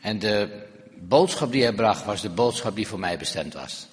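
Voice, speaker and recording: A man's voice: fairly low pitch, expressive, normal speed. A man interpreting a testimony live, with frequent restarts and hesitations. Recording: long reverb of a large hall.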